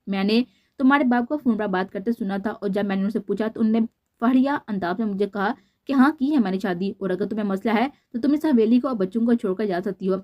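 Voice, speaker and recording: A woman voicing a calm, resigned middle-aged mother, read from a storybook. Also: mid-range voice, muffled recording, lightly acted.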